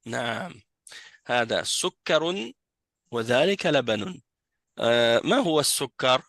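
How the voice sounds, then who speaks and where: Gravelly-voiced male Arabic teacher. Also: medium pitch, lively intonation, moderate pace, a bit bright, no room sound. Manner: patient, repeats and corrects students, mixes French and Arabic. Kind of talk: classroom lesson explaining Arabic in French. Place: mosque classroom.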